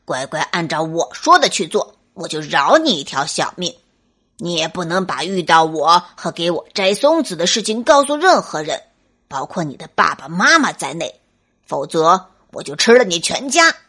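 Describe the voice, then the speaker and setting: A woman's voice: on the low side, big pitch swings, measured pace, a bit bright, voice pushed down, heavily acted. A woman growling as a menacing big grey wolf. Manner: gruff, threatening.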